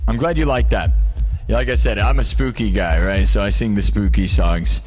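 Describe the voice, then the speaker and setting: Speaking at a moderate pace in a fairly low, darkish voice, this Des Moines, Iowa man is a livestream host and live-looping musician. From an indoor home music studio, he rambles cheerfully in casual chat with his viewers, repeatedly tossing out "right?"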